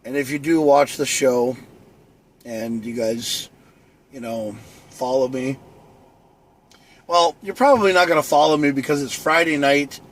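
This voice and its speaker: A man's voice: mid-range voice, unhurried, long pauses. A man chatting through a late-night livestream, rambling and joking around.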